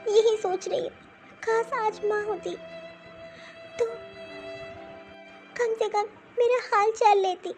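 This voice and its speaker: A woman's voice: very high voice, fairly even intonation, slow, long pauses, over music, poor audio. A woman voicing a grieving young married daughter-in-law in a cartoon, talking in a tearful, mournful way. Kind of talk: cartoon voice acting.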